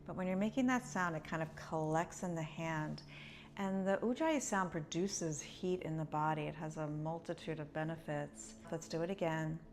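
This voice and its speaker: A woman's voice: deep voice, moderate pace, darkish tone. A woman teaching yoga breathing, guiding step by step in a conversational, explanatory way. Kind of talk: instructional breathing lesson, guiding along.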